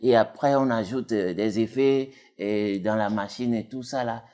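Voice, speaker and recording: A man's voice: unhurried, warm tone. A man talks casually as an interview guest. He rambles, restarting sentences and leaning on fillers as he explains his dubbing work. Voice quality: deep voice. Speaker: dubbing actor and technician, guest.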